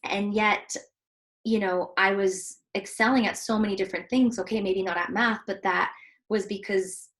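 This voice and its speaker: A Swiss woman working as a heart coach hosts a casual interview, speaking earnestly and reflectively with lots of fillers. Her soft-spoken voice is mid-range, with fairly even intonation and a normal speed.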